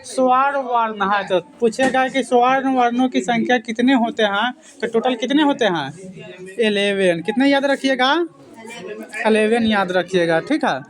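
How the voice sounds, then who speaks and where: A man's voice: extremely high pitch, a little slow, a crowd in the background. A male teacher giving an exam-prep grammar lesson, quizzing listeners with repeated questions and then answering them himself. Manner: repetitive, drilling delivery.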